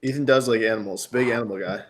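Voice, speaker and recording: A man's voice: medium pitch, fast. A man hosting a casual live-stream hangout, teasing his guests in a dry way and laughing often.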